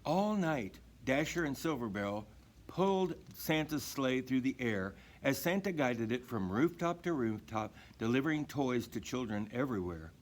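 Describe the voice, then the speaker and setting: A storybook reader, this man reads a children's story aloud with expressive narration, his voice medium-pitched and moderately paced.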